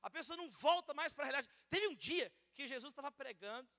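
A male preacher, moving from hushed storytelling to shouted exhortation. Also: extremely high pitch, lively intonation, fairly quick. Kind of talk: sermon. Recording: long reverb of a large hall.

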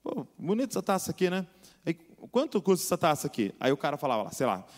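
Lively preacher guy telling a story, kinda high voice, big echoey hall. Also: quick pace. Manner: animated storytelling, acts out voices, rising to fervent. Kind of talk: sermon with story. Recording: long hall reverb.

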